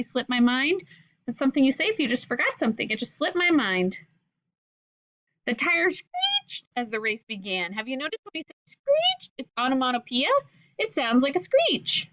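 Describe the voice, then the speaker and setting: A woman teaching figurative language to children, asking questions and sounding words out slowly in an encouraging way. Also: high voice, a bit bright. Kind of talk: explaining lesson to children. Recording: dull lo-fi recording.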